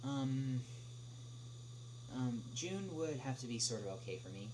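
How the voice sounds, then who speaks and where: Reading questions during a casual livestream, a young man answers spontaneously in an animated, medium-pitched voice. Even so, he hesitates constantly, stopping and starting with long filled pauses, while a noisy hum is clearly audible behind him.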